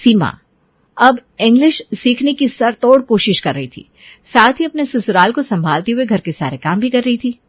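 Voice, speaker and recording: A woman narrating a cartoon story in a calm, even, scripted way. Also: a little high, normal speed, no echo, dull audio.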